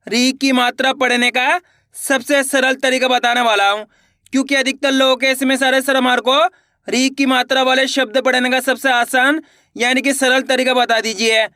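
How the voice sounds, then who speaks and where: Male teacher, high and bright, drills syllables slowly and asks the viewer questions, dry close mic. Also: smooth, dry recording. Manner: slow, drawn-out syllable drilling, repeating questions. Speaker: Hindi reading teacher. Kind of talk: online reading lesson.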